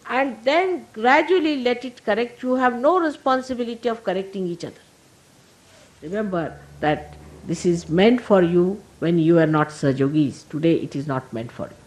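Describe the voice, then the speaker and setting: Animated woman giving a spiritual talk. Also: mid-range voice, moderate pace, low-quality recording. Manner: warm humorous asides to the audience; conversational, often asks "see?". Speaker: spiritual teacher. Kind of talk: informal spiritual talk to followers.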